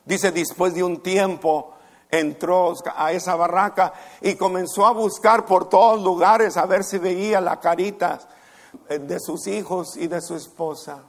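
A man preaching a heartfelt sermon at a church service, pausing often and addressing listeners as brother. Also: high voice, fairly even intonation. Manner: slow, heartfelt preaching with long pauses, calls listeners brother. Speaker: pastor.

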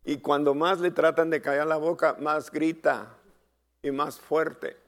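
Slow, dramatic male preacher. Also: a little high, fairly even intonation. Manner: slow, dramatic preaching with sudden shouted peaks; asks the congregation for responses. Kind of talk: sermon.

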